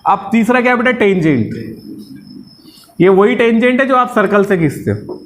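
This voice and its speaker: High-voiced man teaching a lively, joking lesson. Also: normal speed. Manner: jokey, keeps asking "है ना?" and calls students "बेटा". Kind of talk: classroom lecture.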